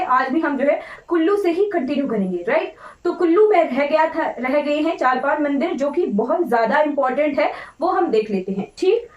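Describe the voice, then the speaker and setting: An Indian woman teacher gives an informal online class lecture in a high-pitched voice that sounds slightly off today, mixing in English terms. She repeats points instructively and often checks in with "right?", and the muffled recording has a roomy echo from a distant microphone.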